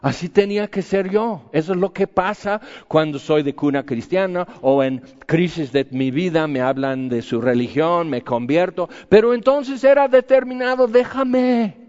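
A man's voice: fairly high pitch, moderate pace, hardly any pauses, darkish tone. A man preaching a sermon in a conversational, argumentative way, full of rhetorical questions. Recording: echoey hall, dull lo-fi sound.

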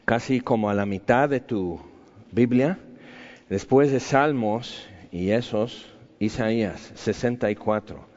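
Argumentative preacher in an echoey hall. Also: male voice, mid-range voice, slow pace, darkish tone. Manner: conversational, argumentative, full of rhetorical questions. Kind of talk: sermon. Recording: echoey hall, dull lo-fi sound.

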